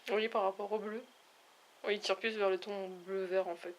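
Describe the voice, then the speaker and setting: A woman with a mid-range voice talks casually while swatching eyeshadows. She chats along hesitantly, filling pauses with small fillers. A faint noise sits behind her home recording. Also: mid-range voice, fairly even intonation. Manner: chatty, hesitant, many fillers. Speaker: beauty vlogger. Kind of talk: casual makeup swatch review. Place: at home, near a window with backlight.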